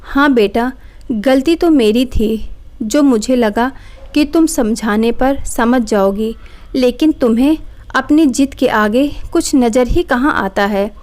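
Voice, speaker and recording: A woman's voice: on the high side, slow pace, darkish tone. A woman voicing a weary, stern older father who speaks in a resigned way.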